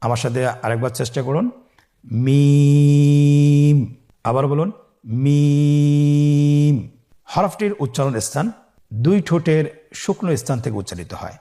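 A man from Bangladesh teaches the Quran in a recorded lesson, patiently stretching each letter name long and loud so listeners can repeat it. His medium-pitched voice is sing-song and quick.

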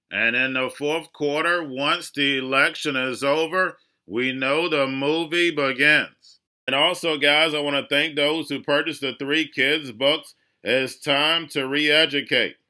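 In a monologue of market commentary on his own crypto channel, a man speaks urgently and preachily, calling his viewers "guys" and repeating warnings. His voice is on the high side, with a sharp tone.

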